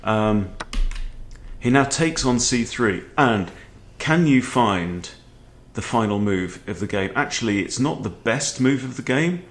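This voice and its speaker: Seated in a book-lined room at home, this chess video host, a man in his forties, comments on a game in a loose, conversational style and often checks in with quick questions. He has an animated mid-range voice and a measured pace.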